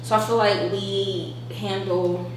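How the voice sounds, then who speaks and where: A woman's voice: mid-range voice, level tone, slow pace, crowd noise. A twenty-one-year-old woman from North Carolina, talking casually with frequent fillers in a group discussion. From North Carolina, USA. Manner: casual, filler-heavy, uses "like" often. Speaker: discussion participant. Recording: echoey room, far from mic, noisy.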